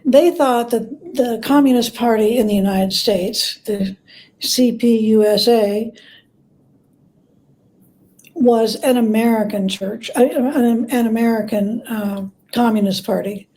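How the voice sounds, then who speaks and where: A woman appears as a guest scholar in an interview, explaining things conversationally in halting, thoughtful phrases and correcting herself along the way. Her voice is fairly high and mellow, and the audio is poor.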